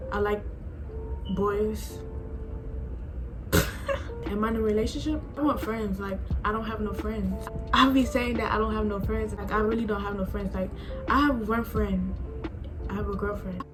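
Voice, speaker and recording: Over music and on low-quality audio, an eighteen-year-old woman speaks at a moderate pace in a medium-pitched, fairly even voice with long pauses. Talking casually to camera, she vlogs about herself, rambling and chatty, with plenty of "like".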